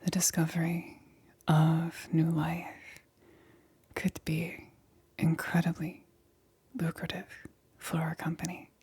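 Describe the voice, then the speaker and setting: This ASMR roleplay features a woman as a cautious yet excited scientist inspecting an alien specimen. Low-pitched and in a very breathy whisper, she delivers clinical, deliberate instructions at a slow, fairly flat pace. The sound is dry, with no surrounding room.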